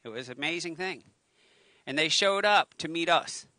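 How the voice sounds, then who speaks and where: With a slightly high voice, lively intonation and a moderate pace, the middle-aged pastor sounds pushed and bright. His chatty outdoor sermon, laced with jokes about himself, comes through a handheld mic at a lectern on a lawn by the waterfront, without echo.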